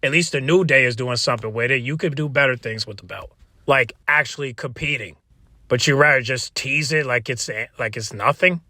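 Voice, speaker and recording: A man with a bright, tense voice at a middling pitch records an opinionated rant in a very dry space. He sounds exasperated and talks casually to his viewers, repeating himself, restarting phrases and swearing freely. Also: no echo. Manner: exasperated, repetitive, halting restarts. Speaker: wrestling commentary video creator.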